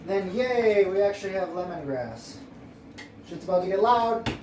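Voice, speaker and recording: A man cooking in a home kitchen talks casually, rambling and cracking jokes as he goes. His voice is mid-pitched and picked up from some distance. The room rings with echo and steady noise. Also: normal speed. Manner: rambling, joking, playful. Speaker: home cook and host. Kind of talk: casual cooking show chat. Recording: echoey kitchen, mic at a distance.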